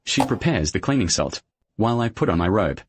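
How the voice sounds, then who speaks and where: A man's voice: on the low side, big pitch swings, a little fast, background noise. A man dubbing a reserved, devoted husband in a period drama, with an understated, earnest manner. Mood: calm. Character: reserved, devoted husband, a ledger-keeping manager. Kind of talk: English dub of a period drama.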